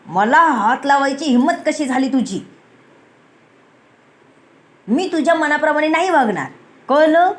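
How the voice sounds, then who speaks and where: A woman voicing a furious young woman who shouts back at her boss in a story reading. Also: sits high, lively intonation, measured pace, long pauses. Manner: shouting, defiant.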